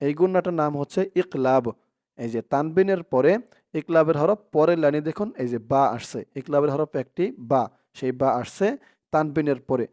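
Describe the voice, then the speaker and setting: A man teaching Quran reading, sounding out each syllable, chanting verses slowly and explaining pronunciation rules in between. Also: a little high, warm tone. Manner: drawn-out chanted recitation alternating with quick explanations. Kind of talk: slow spelled-out Quran reading lesson.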